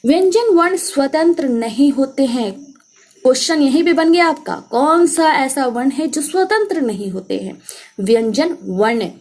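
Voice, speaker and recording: High-pitched lady teacher, exam prep grammar lesson, keeps telling you to note it down. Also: lively intonation, darkish tone. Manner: repeats reminders to note things down; stretches out example words slowly.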